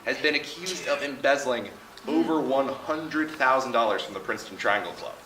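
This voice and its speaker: A man's voice: mid-range voice, normal speed. Echoey, noisy late-night host, man telling punchy jokes. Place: large echoey room with live audience. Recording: echoey, very noisy room, distant mic.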